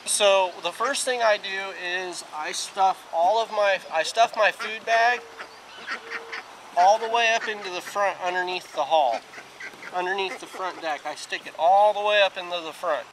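This outdoor vlogger, a man in his thirties, speaks at a measured pace in a high-pitched, slightly bright voice, explaining each step in a plain, casual way. The outdoor camera sits a few feet from him in a grassy lakeside yard, and the low-quality recording clearly picks up background noise.

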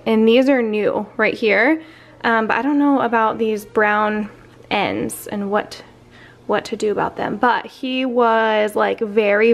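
A woman's voice: a little high, gravelly. A young woman vlogger chatting casually as she bakes and tours her home kitchen, rambling with plenty of fillers. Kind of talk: casual cook-with-me narration.

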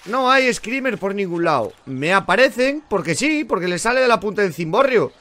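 Lively, bright-voiced gamer man. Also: sits high, normal speed. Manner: chatty and exasperated, swears often. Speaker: gaming channel host. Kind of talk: let's play commentary.

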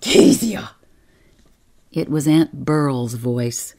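A woman narrating a bedtime story in a soft, hushed, half-whispered reading. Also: low-pitched, animated, drawn-out words, vocal fry, slightly rough.

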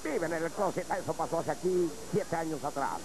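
A man's voice: a little high, brisk. A man bantering in live wrestling commentary, interjecting in a sardonic way. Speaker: lucha libre commentator. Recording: very noisy arena broadcast. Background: loud arena ambience.

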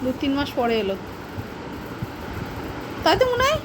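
A woman's voice: sits high, wildly swooping pitch, unhurried. A woman at home coaxing her pet dog in sing-song baby talk and laughing, then chatting about its treats. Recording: noisy home recording.

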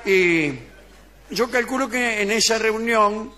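A man with an Argentine accent telling an absurd story deadpan on a comic radio sketch, acting out the voices he quotes and chuckling. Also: sits high, slow pace, noisy background.

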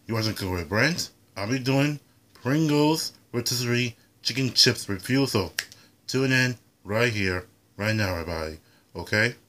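A man's voice: medium pitch, animated, moderate pace, heavy background noise. A young adult man hosting a casual food review from his home kitchen, talking like a show announcer. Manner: announcer-like, refers to himself in third person.

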